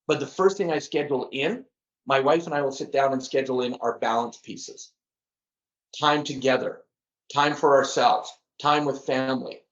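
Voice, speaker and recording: Speaking at normal speed in a mid-range voice, a middle-aged man appears as an earnest podcast guest in a casual interview, often repeating words and chuckling at himself. The audio sounds dull.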